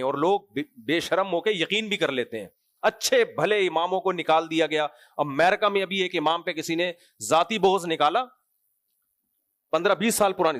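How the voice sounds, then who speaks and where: A man who is a mufti giving Quran commentary, speaking in an animated, conversational sermon style with sarcastic asides. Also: fairly high pitch, no room sound, clean studio sound.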